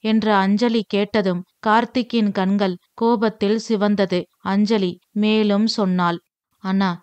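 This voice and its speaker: A woman's voice: medium pitch, fairly even intonation, measured pace, darkish tone, smooth, dry recording, highs cut off. A woman with a Tamil accent reading a family novel aloud, speaking every character's lines with little change of voice. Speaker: audiobook narrator. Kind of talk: novel read aloud, voicing all characters.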